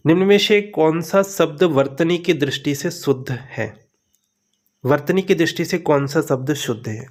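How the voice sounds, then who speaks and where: A man teaching an exam preparation lesson, walking through questions with steady, repetitive coaching and frequent check-ins. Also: a little high, moderate pace.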